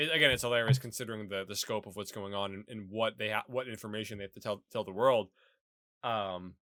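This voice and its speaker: A man's voice: lowish voice, sharp tone, dry recording, clean studio sound. Rambling man co-hosting a film podcast. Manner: rambling, many fillers and restarts. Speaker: podcast co-host. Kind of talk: casual chat about a movie.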